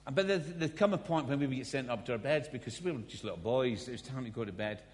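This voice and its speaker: A man's voice: medium pitch, lively intonation, fast talker. A Scottish man in his fifties preaching a sermon, telling stories with self-mocking humour. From Scotland. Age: 50s. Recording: long hall reverb.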